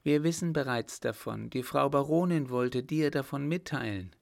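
A man's voice: mid-range voice, normal speed, gravelly, pitched above the performer's own voice, close to an everyday voice. A man reading an audiobook voices a frightened young noblewoman in a raised voice. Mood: startled.

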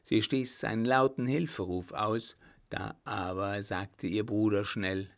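A male narrator reads an audiobook in a measured, even way. His delivery is slow, and his voice has a gravelly texture. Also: lowish voice.

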